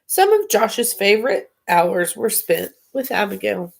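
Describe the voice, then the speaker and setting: A woman's voice: medium pitch, sing-song, unhurried, creaky. A woman reading a children's picture book aloud on a livestream, playful and chatty between pages. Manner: playful, giggly, chatty asides. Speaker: storybook reader, livestream host.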